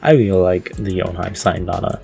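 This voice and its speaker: A man's voice: low-pitched, a little fast, creaky, dark tone. A man talking casually over a gaming video, loose and laid-back, with lots of fillers and the odd swear.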